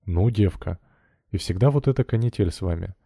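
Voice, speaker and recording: A man's voice: lowish voice, fairly quick, creaky, warm tone, slightly rough, dry recording, clean studio sound. A man voicing a brash, teasing young male mill worker in an audiobook, with cocky folk speech. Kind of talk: audiobook character reading.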